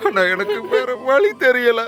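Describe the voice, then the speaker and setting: Actor doing remorseful older dad, teary, high voice, music under it. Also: male voice, very animated, unhurried, full character voice. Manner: broken, tearful. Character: remorseful middle-aged father confessing. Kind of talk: film acting.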